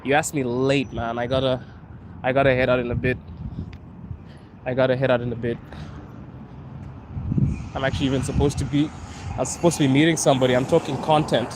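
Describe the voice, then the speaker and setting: A man's voice: mid-range voice, level tone, fairly quick, long pauses. A Zimbabwean man in his twenties or thirties, chatting casually on a livestream while walking outdoors, laughing often and slipping into freestyle rap. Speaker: livestreaming vlogger. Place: outdoors on a city street. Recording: street noise behind the voice. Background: traffic and street noise.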